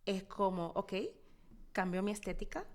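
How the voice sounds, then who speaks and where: A Dominican woman in her thirties, a psychologist guest telling her life story in an interview, expressive and reflective, pausing often as she thinks. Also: mid-range voice. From Dominican Republic. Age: 30s. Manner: expressive, reflective, with frequent hesitations.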